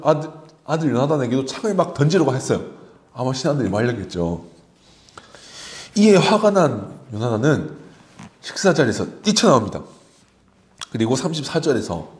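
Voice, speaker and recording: A man leads a children's service, retelling a story with plenty of animation. His pitch sits in the middle but rises and falls with a wide, lively range. He often speaks directly to the young listeners. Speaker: children's pastor.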